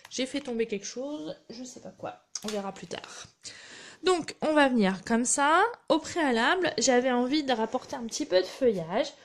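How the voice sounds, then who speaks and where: A woman's voice: sits high, expressive, normal speed, a little hiss or hum. A woman, chatting casually while she demonstrates a craft project on a live stream. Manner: chatty, narrates her hands-on work with little asides. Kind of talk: live craft tutorial chat.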